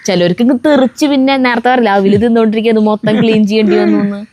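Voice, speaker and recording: A woman's voice: fairly high pitch, rapid-fire, darkish tone. A woman reading viewer comments aloud in a casual family vlog, laughing between them.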